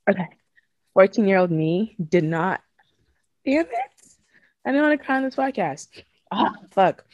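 A woman's voice: mid-range voice, expressive, a little slow, a little mellow, no echo, muffled recording. A woman in her twenties, from Nigeria, talking frankly and emotionally as a podcast host, swearing casually and laughing between thoughts. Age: 20s. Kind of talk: candid podcast conversation.

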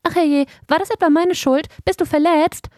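A woman voicing a proud, refined little female ermine with a squeaky, piping voice in an audiobook. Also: steady tone, moderate pace, darkish tone, no room sound, studio quality. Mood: concerned. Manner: haughty, refined. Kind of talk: audiobook character voice.

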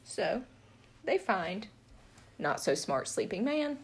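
A woman's voice: medium pitch, big pitch swings, slow, breathy edge. A woman co-hosting a podcast, chatting casually about a book, joking and laughing often. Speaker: podcast co-host. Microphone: podcast mic.

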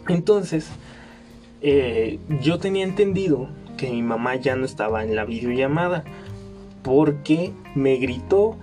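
A man's voice: mid-range voice, lively intonation, measured pace, dark tone, faint music behind. A young man with a Mexican accent telling a funny family story in a casual podcast chat, laughing often and using lots of fillers. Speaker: podcast host.

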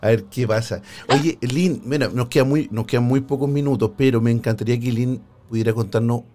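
A man's voice: medium pitch, fairly quick, background noise. A Chilean man hosting a live stream, chatting with guests in a hesitant way, with many fillers and restarts. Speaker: host of a live paranormal stream.

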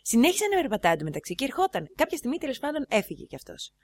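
A woman vlogger chatting casually to her viewers, retelling stories in an animated way and turning often to address the audience. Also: sits high, dry recording. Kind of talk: casual storytelling and advice to viewers.

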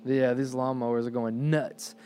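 A man's voice: mid-range voice, little pitch movement, normal speed, warm tone, smooth, soft background music. A young man hosting a podcast, telling a story in casual chat, laughing often and joking around. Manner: laughs often, sarcastic joker. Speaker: podcast host.

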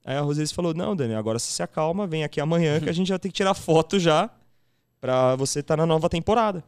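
A São man in his thirties spins an animated story, jumping into the voices of the people in it. His voice sits a touch high and comes across smooth and clear, recorded close and dry. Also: fast, no echo. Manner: animated, acts out quoted dialogue with slangy fillers. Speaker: chef and TV cooking show host, podcast guest. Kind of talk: casual storytelling chat.

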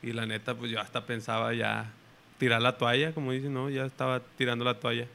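A young man with a Mexican Spanish accent, a pitcher telling a story in relaxed, slangy chat. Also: fairly quick, creaky, a little hiss or hum. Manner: relaxed, slangy, retells his own and coaches' words. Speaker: guest baseball pitcher.

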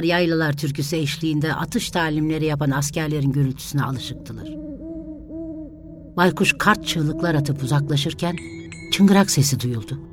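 A reader narrating a village story in a calm, even storytelling manner. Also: mid-range voice.

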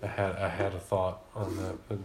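Hesitant low-voiced man. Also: flat delivery, normal speed, echoey room, over a noisy crowd. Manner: laid-back, hesitant, trails off. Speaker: podcast co-host. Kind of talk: casual chat.

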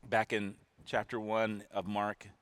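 Slow, earnest male pastor preaching. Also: lowish voice, flat delivery, a bit bright, no room sound. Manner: earnest, restarts and repeats words while preaching. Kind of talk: sermon.

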